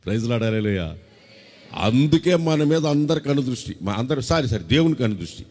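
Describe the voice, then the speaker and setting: Lively Telugu-accented man preaching. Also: mid-range voice, fairly quick, long reverb tail. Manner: lively, teasing, quizzes the crowd and breaks into song. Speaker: pastor. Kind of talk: sermon with congregation call-and-response.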